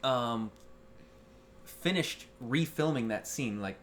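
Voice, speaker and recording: A woman's voice: a bass voice, lively intonation, slow pace, a little hiss or hum. A woman co-hosting a podcast in a laid-back, casual chat, laughing easily. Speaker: podcast co-host.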